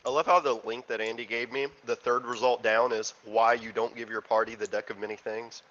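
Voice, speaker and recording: A man's voice: medium pitch, little pitch movement, fairly quick, fairly bright tone, highs cut off. A man playing in a tabletop game, casual and rambling with lots of fillers. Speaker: player.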